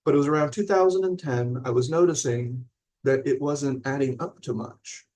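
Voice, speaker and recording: A fortyish Illinois man teaches mindfulness on a live stream, reading out viewer comments as he goes. He speaks at a moderate pace in a mid-range voice with a darkish tone, rambling conversationally and frequently checking in with his audience.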